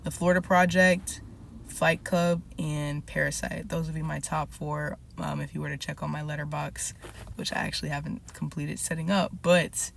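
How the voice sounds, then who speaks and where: A woman's voice: sits low, little pitch movement, normal speed, gravelly, a little hiss or hum. A woman in her twenties, a recent graduate and producer, introducing herself in an easygoing, chatty way. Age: 20s. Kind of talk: casual self-introduction.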